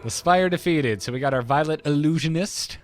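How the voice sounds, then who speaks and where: A man's voice: a little high, fairly quick. A man hosting a video game session, giving casual commentary as he plays with a co-host.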